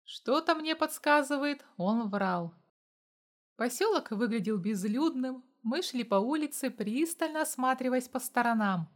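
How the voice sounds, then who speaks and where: A woman narrating a first-person survival story aloud with steady storytelling. Her voice sits somewhat high for a woman. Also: a little slow. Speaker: audiobook narrator.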